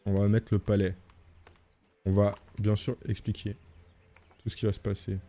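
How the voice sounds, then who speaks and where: Mellow-voiced French gaming streamer. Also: male voice, on the low side, flat delivery, normal speed. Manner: chatty, reads game text aloud, jokes. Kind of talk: gaming livestream commentary.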